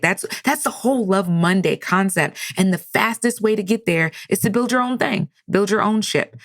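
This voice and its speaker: A woman's voice: lowish voice, no room sound, clean studio sound. A woman hosting a motivational podcast, telling stories and speaking with enthusiasm. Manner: enthusiastic, storytelling. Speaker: podcast host.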